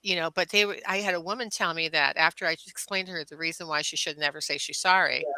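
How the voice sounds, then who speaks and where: A woman guest, an intuitive healer and doctor, telling lively stories in a casual interview, laughing often and acting out what people said. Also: low voice, quick pace, no echo, low-quality recording. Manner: animated, laughs often, acts out quoted people.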